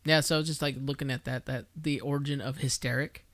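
A man's voice: medium pitch, fairly even intonation, fast talker, a bit bright, no room sound. A man co-hosting a podcast in casual chat, rambling with sarcastic asides. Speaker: podcast co-host.

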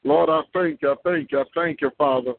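A man with a slightly high, creaky voice briskly leads a fervent spoken prayer, rhythmic and repetitive, breaking into tongues. It comes through a tinny phone line with no echo.

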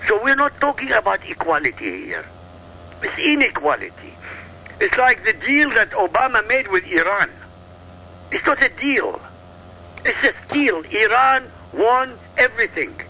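A man's voice: sits high, big pitch swings, unhurried, bright, forceful tone, slight background noise, poor audio. A man from Iraq giving emphatic, insistent political commentary as a talk show guest, driving his points home with rhetorical questions.

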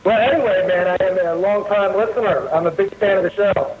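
A man from New Jersey calls in to a talk show on a speakerphone that keeps breaking up, and he speaks haltingly with many fillers. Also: high-pitched. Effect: speakerphone call that breaks up. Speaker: caller. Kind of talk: phone-in call to a talk show. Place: rural home. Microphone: phone on speakerphone. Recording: tinny noisy speakerphone line.

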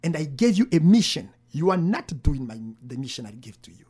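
A man's voice: on the high side, very animated, brisk, a little mellow, husky. A man voicing God, stern and commanding. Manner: solemn, commanding.

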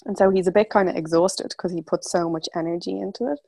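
A woman on a community video call telling a personal story in a rambling, halting way, often correcting herself and acting out her inner voices. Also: lowish voice, steady tone, vocal fry, mellow, no echo. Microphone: computer or headset mic on a video call.

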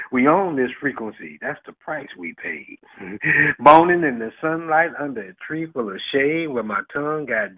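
A man from Houston, Texas reading a sensual spoken word poem, chuckling between lines. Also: medium pitch. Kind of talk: slow sensual poetry reading. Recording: tinny phone line.

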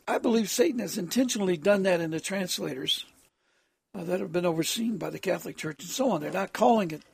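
Harsh, hoarse preacher with a gravelly rasp. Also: medium pitch, darkish tone, no room sound. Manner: halting, with frequent throat clearing. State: hoarse, having trouble with voice, clearing throat. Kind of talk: extemporaneous sermon addressed as prayer.

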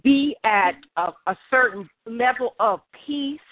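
A woman's voice: on the high side, lively intonation, measured pace, no room sound. A woman co-hosting a podcast, heard over a phone speaker, talking in a casual, rambling way with many ums and restarts. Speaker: podcast co-host. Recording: tinny dry phone line.

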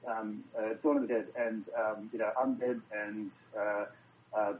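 A man's voice: fairly low pitch, flat delivery, a little slow, a little hiss or hum, low-quality recording. An Australian man, a film director, chatting loosely as an interview guest and swearing freely. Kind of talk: casual interview chat.

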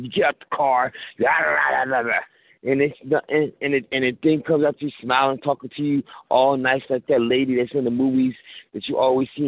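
Husky-voiced man preaching over a phone line. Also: mid-range voice, dry recording. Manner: preachy, joking, acts out little scenes. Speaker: guest commentator. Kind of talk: animated casual talk.

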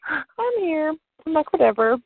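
A woman's voice: mid-range voice, normal speed, creaky, dry recording. A woman co-hosting a casual podcast from her home, recapping soap plots in a rambling, giggly way. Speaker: podcast co-host. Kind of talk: casual chat about soap operas. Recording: tinny phone-like line, dry.

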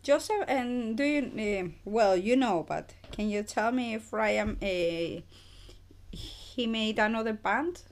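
Curious Chilean woman, slightly high voice. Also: takes it slowly. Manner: curious, asks many questions in non-native English. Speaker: podcast co-host. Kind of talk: casual album commentary.

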